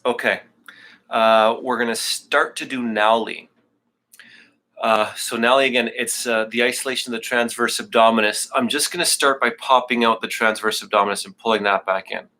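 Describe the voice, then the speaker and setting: A man leads a live online yoga class, guiding students through breathing cues in a casual, joking manner while slightly out of breath. His mid-range voice has fairly even intonation, a moderate pace, and a sharp tone.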